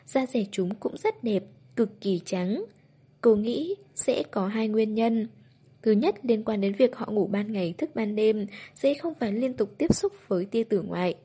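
A woman narrating a novel as an audiobook in a steady, even reading voice. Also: mid-range voice, moderate pace, breathy edge.

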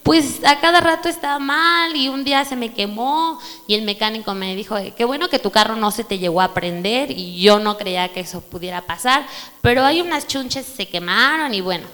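Mexican woman preaching in church, tells her story all animated, keeps calling folks brother, bright higher voice, big hall echo with a hum under it. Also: moderate pace. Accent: Mexican Spanish. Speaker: preacher giving a testimony. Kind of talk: sermon testimony. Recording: reverberant hall with mains hum.

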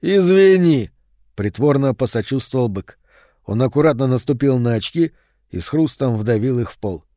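Мужчина читает аудиокнигу ровным повествовательным голосом средней высоты. Запись сухая, близкая, без отзвука комнаты. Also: male voice, mid-range voice, normal speed, dry recording, clean studio sound. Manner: steady storytelling. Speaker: audiobook narrator. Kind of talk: scripted audiobook narration.

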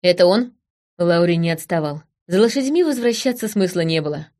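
A woman reading a fantasy novel aloud in the first person, with brisk, tense storytelling. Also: on the low side, expressive, a little mellow. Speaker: audiobook narrator. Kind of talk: scripted first-person narration.

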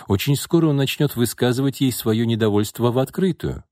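A man narrating an audiobook in an expressive, scripted reading. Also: mid-range voice, fairly quick, no room sound, studio quality.

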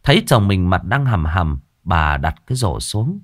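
Low-voiced man telling a ghost story. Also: big pitch swings, normal speed, no room sound, clean studio sound. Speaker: horror story narrator. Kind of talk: storytelling narration.

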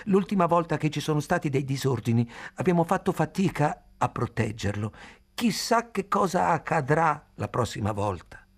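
Man doing a brusque scornful mechanic, raised voice, forceful, insistent. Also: a little high, animated, normal speed, voice pushed up.

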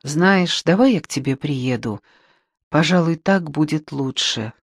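Remorseful young man, read by a man, hesitant, subdued, slow speech, dry recording. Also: a little high, expressive, creaky, dry recording, full character voice. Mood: troubled.

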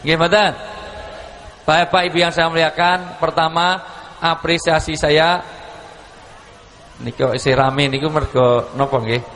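A man's voice: fairly high pitch, a bit bright, long reverb tail. A man with a Javanese accent preaching to a crowd, joking and teasing them with call-and-response as he mixes Indonesian and Javanese. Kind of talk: lively religious lecture to a village crowd. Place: large venue with live audience, amplified PA.

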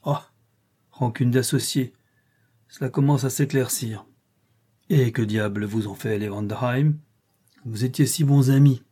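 A bold, sardonic male bandit captain from an adventure audiobook, ironic in every line, voiced by a male reader. The voice is mellow and dark with a husky edge. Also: mid-range voice, unhurried, pauses often. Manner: ironic, mocking. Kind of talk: audiobook reading.

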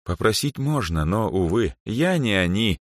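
A man voicing a polite, good-natured older male music organizer in an audiobook, speaking in a courteous, smooth way. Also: on the low side, very animated, measured pace, no room sound, clean studio sound, voice pushed up.

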